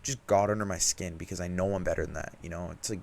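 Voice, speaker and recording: Young male vlogger, very low voice, frustrated self-critical rant, emphatic and casual. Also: steady tone, fast, creaky, a little hiss or hum. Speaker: trading vlogger. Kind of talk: candid self-reflective vlog rant.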